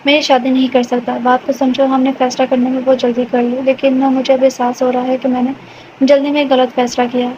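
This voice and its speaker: A woman's voice: high voice, monotone, darkish tone, natural voice. A woman voicing a cold, curt young man. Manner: curt and harsh. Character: young man abruptly breaking off engagement, cold. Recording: dull lo-fi with faint hiss.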